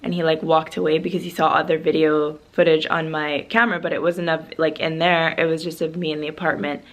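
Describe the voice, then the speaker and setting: A woman's voice: low voice, fairly quick. A young woman from Canada, telling a story in a casual vlog and saying "like" constantly. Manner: heavy use of "like" filler, animated retelling. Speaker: travel vlogger.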